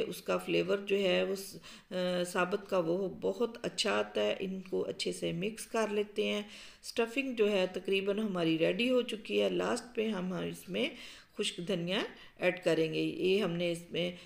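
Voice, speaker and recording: Gravelly-voiced woman explaining a recipe. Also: medium pitch. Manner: calm, explanatory, with frequent um fillers. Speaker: cooking show host. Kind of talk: step-by-step cooking instructions. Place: home kitchen.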